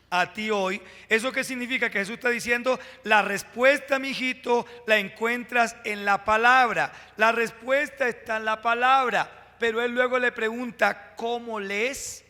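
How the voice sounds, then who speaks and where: A male pastor preaching a Sunday sermon in a church, with dramatic pauses, rising emphasis and direct asides to the congregation. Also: very high voice, bright, forceful tone. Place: church sanctuary. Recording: long hall reverb from a church.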